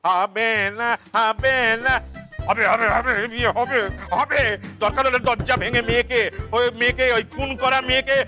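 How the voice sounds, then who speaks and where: A man's voice: extremely high pitch, steady tone, moderate pace, faint music behind. A man playing a frantic, ranting father of the bride. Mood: frantic indignant. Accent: Kolkata Bengali. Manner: ranting, shouting, sarcastic, repeating himself. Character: frantic middle-aged father of the bride, money-obsessed. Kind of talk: theatre play reading.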